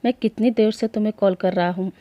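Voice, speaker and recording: A woman's voice: medium pitch, fairly even intonation, fast talker, no room sound, highs cut off, natural voice. A woman voicing a shy, easily flustered young man in a story she narrates. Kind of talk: storytelling voice acting.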